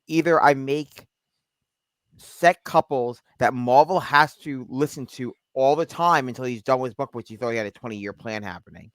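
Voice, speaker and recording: A man's voice: mid-range voice, moderate pace, fairly bright tone, no room sound. Guy rambling on a podcast, lots of ums and restarts, dry close sound. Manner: rambling, many fillers and restarts. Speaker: podcast co-host. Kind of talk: casual chat.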